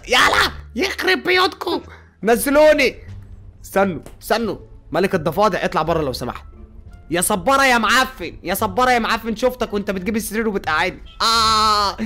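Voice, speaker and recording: Doctor Lamba, as a man plays him, fast and shouting. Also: high voice, big pitch swings, soft background music, heavily acted. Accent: Egyptian. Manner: scolding, shouting at patients, then coaxing softly. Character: exasperated male doctor at an asylum. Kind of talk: fan-made game movie voice acting.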